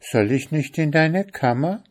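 A man's voice: a little high, animated, a little slow, voice pushed up. A man voicing a wheedling enchanted snake. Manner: wheedling, repetitive begging. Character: coaxing enchanted male snake. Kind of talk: storybook reading.

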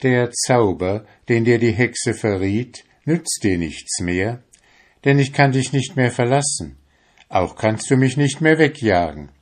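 A man's voice: mid-range voice, expressive, unhurried, pitched above the performer's own voice. A man voicing a heartless male soul that coaxes and commands in a storybook reading. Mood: insistent. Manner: coaxing, insistent.

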